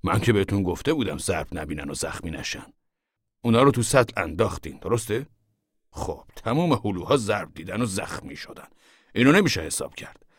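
A man's voice: fairly low pitch, big pitch swings, breathy edge, dry recording, clean studio sound, exaggerated voice. A man voicing a strict middle-aged fruit inspector who gives curt instructions. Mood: stern.

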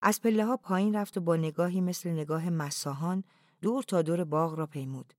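Calm, hushed audiobook narrator. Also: medium pitch, dry recording, studio quality. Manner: calm, even, often hushed.

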